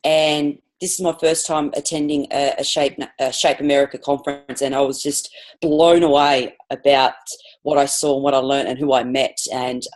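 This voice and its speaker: Speaking in a rumbling low, a little mellow voice at moderate pace and fairly even intonation, an Australian physical education teacher chats as a podcast guest. She is enthusiastic and rambles, restarting a lot in this casual interview.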